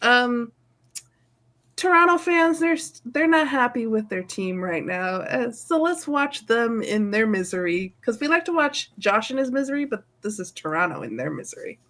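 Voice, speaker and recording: A woman's voice: on the high side, expressive, moderate pace, a bit bright. A woman co-hosting a sports show, giving casual, informal recaps.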